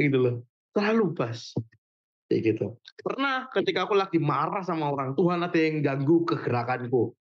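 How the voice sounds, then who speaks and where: A young man leads a casual youth Bible study. His voice sits on the higher side, and he tells stories in a chatty, animated way full of slangy asides. The recording sounds dull and lo-fi. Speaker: small-group Bible study leader. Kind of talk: casual teaching to a youth group.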